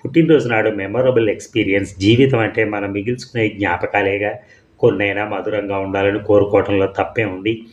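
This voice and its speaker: A man narrating an audio story in the first person, in a calm, measured reading. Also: lowish voice, muffled recording.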